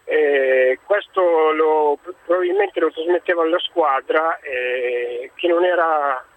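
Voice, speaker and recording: A man calling in to a radio show over a phone line, speaking in a halting way with many fillers and restarts. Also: a little high, no room sound. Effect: phone-line call into a radio show. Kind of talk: casual chat.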